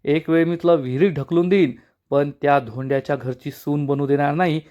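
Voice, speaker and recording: A man's voice: a little high, fairly even intonation, fairly quick, warm tone, dull audio, natural voice. A man doing a scolding village mother. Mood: angry. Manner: scolding, harsh. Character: angry strict middle-aged village mother.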